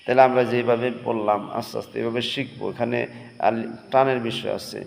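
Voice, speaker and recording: Gravelly man teaching slow chanted recitation. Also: medium pitch, fairly even intonation, in a large hall. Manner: breaks verses into slow drawn-out chanted phrases.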